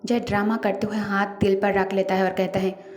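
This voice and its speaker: A woman reads a fan story aloud in a brisk storytelling manner. Her voice sits at a middle pitch. It echoes in a roomy space. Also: level tone, a little mellow. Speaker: story narrator. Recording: roomy echo.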